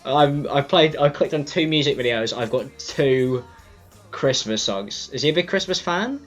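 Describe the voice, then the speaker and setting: A man's voice: medium pitch, expressive, normal speed. A man chatting casually on a livestream through a cheap mic. He rambles, apologizes, and stumbles over his words. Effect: lo-fi livestream mic audio. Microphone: cheap computer mic for streaming. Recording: dull lo-fi streaming mic, faint music.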